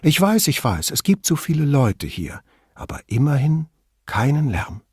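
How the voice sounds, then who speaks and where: A man reading an audiobook, voicing a lively, teasing Neapolitan woman police officer with a raised pitch. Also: a little slow, breathy edge, no room sound, clean studio sound, heavily acted. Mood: enthusiastic. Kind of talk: audiobook dialogue.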